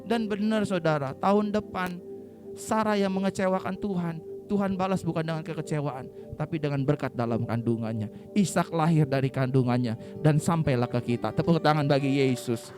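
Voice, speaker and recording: At a moderate pace and with a voice on the high side, a pastor with an Indonesian accent gives a spirited church sermon as music plays in the background. He jokes around, draws call-and-response from the congregation, and acts out Bible story characters.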